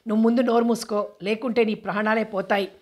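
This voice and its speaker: A woman's voice: fairly high pitch, steady tone, fast talker, darkish tone, lightly acted. A woman reading the lines of an exasperated young husband who speaks bluntly. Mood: angry. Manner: angry, blunt.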